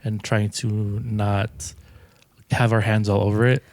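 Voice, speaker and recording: A young man co-hosting a casual faith-based chat, talking in a relaxed, reflective way and often restarting his sentences. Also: on the low side, measured pace, no echo. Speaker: co-host.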